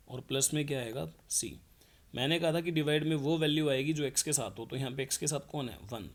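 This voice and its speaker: A man's voice: medium pitch, creaky. A man teaching a math lesson. He explains each step and asks the class questions, then answers them himself.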